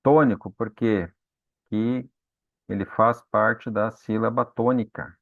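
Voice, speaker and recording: Gravelly, slow-talking male teacher. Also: on the low side, fairly even intonation, no room sound. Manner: patient, frequent "né?" and "tá?" check-ins. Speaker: Portuguese teacher. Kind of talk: explanatory lesson. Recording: dry, phone-like lo-fi sound.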